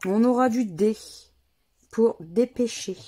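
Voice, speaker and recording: Speaking slowly in a higher register with a dark tone, a woman vlogger gives casual commentary over her scratch games. She works through them carefully, reading out each letter and number in turn.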